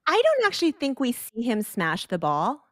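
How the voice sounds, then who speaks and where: A woman's voice: fairly high pitch, huge pitch swings, normal speed, fairly bright tone, dry recording, clean studio sound. A woman guest in a casual movie discussion, candid and opinionated, cracking jokes as she talks.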